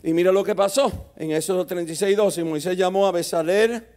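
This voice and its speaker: Male pastor, high voice, fiery sermon, soft asides to shouts. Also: a little fast. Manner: dramatic, swings from soft asides to shouted exhortation. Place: church service.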